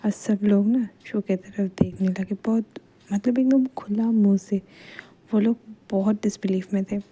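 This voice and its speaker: A woman casually retelling a fan fiction story in a soft, half-whispered way, with chatty fillers. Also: medium pitch, slightly rough.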